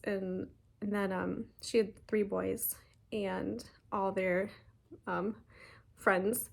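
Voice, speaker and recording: A woman, chatting casually in a stitching vlog, talking fast and rambling with many ums and restarts. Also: mid-range voice, a little mellow. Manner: talks fast. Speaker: flosstube host.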